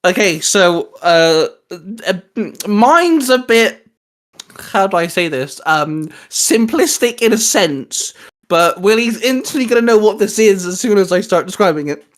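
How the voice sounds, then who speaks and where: This fan-channel host from England speaks in a high-pitched, expressive voice at a measured pace. During a casual geeky conversation among friends, he explains things in a halting, wandering manner with an English accent.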